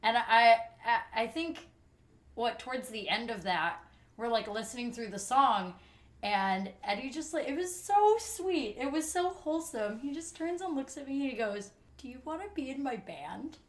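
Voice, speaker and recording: A guest telling a lively story with laughs, chatting casually in a home studio. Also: female voice, fairly high pitch, moderate pace. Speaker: guest, singer. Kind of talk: casual chat. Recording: echoey room.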